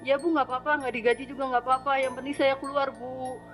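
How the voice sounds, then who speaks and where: A woman's voice: sits high, little pitch movement, fast talker, fairly bright tone, soft background music. A woman working as a household helper, retelling in a plain, shaky way how she was treated, and acting out the harsh words spoken to her. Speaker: household worker giving testimony. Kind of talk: personal testimony in a played clip.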